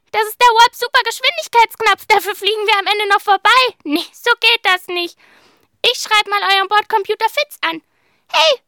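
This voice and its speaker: A woman's voice: very high-pitched, pushed and bright, dry recording, studio quality. A woman voicing a bubbly time-travel guide in a children's audio story, talking straight to the young listeners. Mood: eager.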